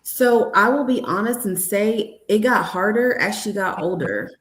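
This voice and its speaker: In an echoey room, a woman in her thirties, a nurse educator and mother, speaks candidly in a conversational interview. Her mid-range voice has lively intonation and an unhurried pace, and she tells stories by acting out dialogue with her daughter.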